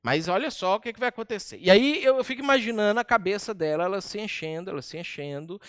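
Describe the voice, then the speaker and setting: A man's voice: sits high, animated, fast, a bit bright, no room sound, clean studio sound. A man preaching a sermon, retelling a story with rhetorical questions.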